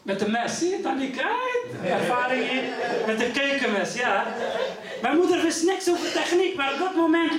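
Over a noisy crowd, a middle-aged Dutch comedian from Rotterdam speaks at normal speed in an extremely high voice with a Rotterdam accent. Performing live stand-up on a community venue stage, he animatedly acts out his family's voices, captured by a distant mic in a roomy hall.

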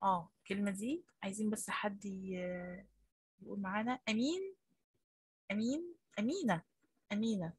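Egyptian teacher lady on an online class, husky, patient and coaxing with kids, dry sound. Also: medium pitch, moderate pace, pauses often, darkish tone, no echo. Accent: Egyptian Arabic. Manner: patient, coaxing, praising pupils. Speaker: primary school teacher.

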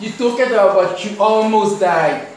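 A young man talking casually and excitably in a challenge vlog, often repeating his phrases. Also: high-pitched, normal speed. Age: young adult. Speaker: ice bath challenge participant. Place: small tiled indoor bathroom. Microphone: camera a little way off. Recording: very echoey bathroom, distant mic, faint noise.

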